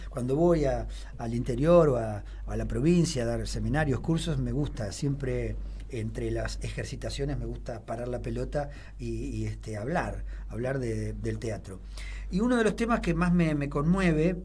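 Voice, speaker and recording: In a radio studio, a middle-aged theater teacher with a Rioplatense Spanish accent explains history in a rambling way, full of fillers and restarts. His medium-pitched voice is a little mellow, with slight background noise.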